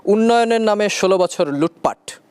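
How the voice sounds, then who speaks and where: A man hosting a political talk show, putting quick questions to his guest. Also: high voice, darkish tone, clear, resonant tone. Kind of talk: interview questions.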